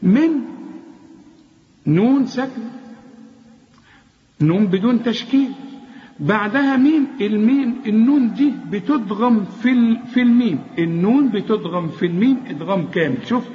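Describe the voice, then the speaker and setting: A high-pitched man with an Egyptian accent leads a tajweed lesson. He fires off rhetorical questions and then stretches out chanted example words. The sound is dull and lo-fi, with a long echo trailing behind him. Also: lively intonation, normal speed. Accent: Egyptian Arabic. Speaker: Quran recitation teacher.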